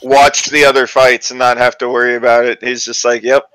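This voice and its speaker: A man's voice: mid-range voice, flat delivery, fairly quick, fairly bright tone, clean tone, dry recording, poor audio. A man joking around in a casual gaming voice chat, sometimes slipping into an announcer's manner. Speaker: tournament player and caster.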